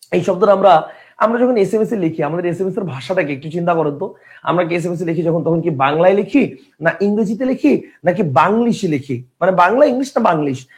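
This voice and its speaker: Guy teaching grammar online, high voice that jumps around a lot, keeps asking if you got it. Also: expressive, brisk. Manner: conversational, repeats points and asks listeners questions. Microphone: online class host mic.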